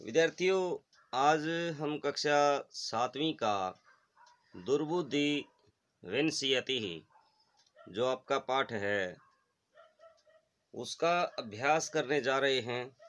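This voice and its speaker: Male teacher, unhurried, repeats each word so pupils can echo it, mid pitch. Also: animated, a bit bright. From India. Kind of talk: recorded Sanskrit lesson.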